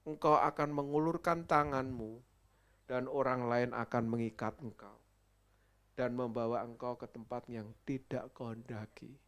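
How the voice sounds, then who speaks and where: A man voicing a calm, authoritative teacher, quoted in a solemn, measured way in a sermon. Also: medium pitch, pitched below the performer's own voice, lightly acted.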